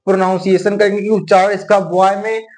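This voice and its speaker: A man's voice: sits high, little pitch movement, brisk, darkish tone. A young man teaching a grammar lesson, often asking and answering his own questions and checking in with "theek hai". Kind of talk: explaining a lesson.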